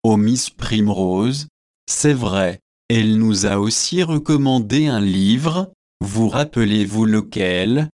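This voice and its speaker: A man's voice: on the low side, expressive, slow, darkish tone, dry recording, studio quality. A man reading as a chatty young bride. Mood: gushing. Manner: eager, gushing, forgetful chatter. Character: young newly married Anglican woman, chatty and flighty. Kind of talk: audiobook character reading.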